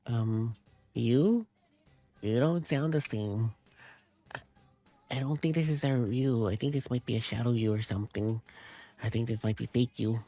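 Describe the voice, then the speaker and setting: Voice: mid-range voice, normal speed, long pauses, mellow, faint music behind. A streamer reading game narration aloud and breaking off into giggly, chatty asides. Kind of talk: reading a visual novel aloud with commentary.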